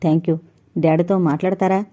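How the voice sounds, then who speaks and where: A woman's voice: on the low side, level tone, fast, mellow, natural voice. Woman voicing a playful teasing young wife. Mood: coaxing. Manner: teasing, coaxing.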